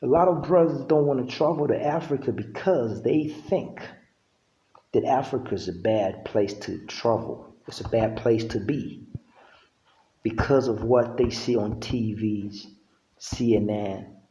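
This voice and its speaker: A middle-aged man from Uganda with a way of speaking, talking slowly and easily in a casual monologue to camera. His voice is dark and mellow, and the recording sits in a roomy, echoing space. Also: medium pitch. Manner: laid-back, conversational, with frequent "you know what I'm saying". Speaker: vlogger.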